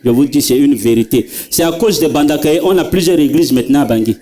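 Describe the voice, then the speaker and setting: A man from the Central African Republic does stand-up comedy, telling animated stories and addressing the audience directly. His voice is fairly high-pitched and a little fast.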